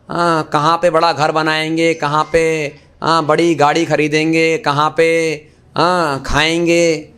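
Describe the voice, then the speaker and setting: A man giving a Gita class as a Hare Krishna preacher, asking rhetorical questions and mixing English phrases into his talk, lively and joking with listeners. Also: fairly high pitch.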